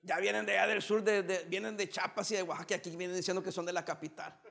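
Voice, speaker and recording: A pastor from El Salvador giving a joking, teasing sermon with bursts of emphasis. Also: male voice, high voice, fairly even intonation, quick pace, creaky, a bit bright, big-room sound.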